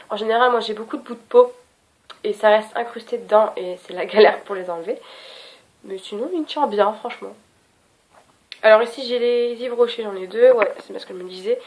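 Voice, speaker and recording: Young French woman, beauty vlogger, chatty and self-mocking, scattered delivery. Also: fairly high pitch. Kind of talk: casual product review.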